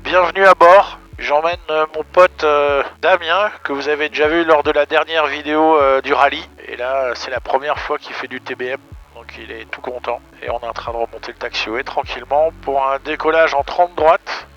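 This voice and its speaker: Pilot talking over a headset, dull sound. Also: male voice, on the high side, fairly even intonation, moderate pace, fairly bright tone. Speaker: pilot and vlog host. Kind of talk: aviation vlog commentary and radio calls. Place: small aircraft cockpit. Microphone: aviation headset. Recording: dull headset audio with music behind.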